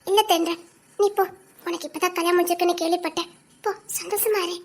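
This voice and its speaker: A woman's voice: very high-pitched, fairly even intonation, fast. A woman playing a heartbroken, withdrawn young woman in an audio drama. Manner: sad, withdrawn, wistful. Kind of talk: Tamil audio drama acting.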